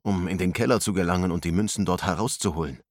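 Man voicing a young man, storybook, earnest, persuasive, lowish, dry. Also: fast, dry recording. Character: young man, determined treasure seeker.

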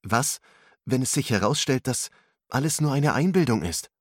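A man's voice: medium pitch, big pitch swings, normal speed, no room sound, clean studio sound, voice pushed up. A man voicing a young man who questions doubtfully but stays cheerful.

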